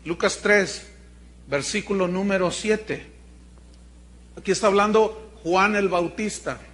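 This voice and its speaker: A man with a Mexican accent preaching a sermon in a lively, colloquial, storytelling way. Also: sits high, slow pace. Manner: animated, colloquial, humorous storytelling. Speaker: pastor.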